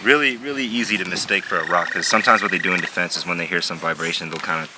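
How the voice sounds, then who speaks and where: A man's voice: low voice, very fast. A man, a biologist guide, eagerly explaining plants and frogs outdoors in a desert valley. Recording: loud outdoor noise.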